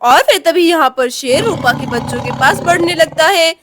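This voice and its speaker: A woman's voice: extremely high pitch, lively intonation, moderate pace, noisy background. A woman narrating a doll story in a chatty voice-over, addressing viewers as friends.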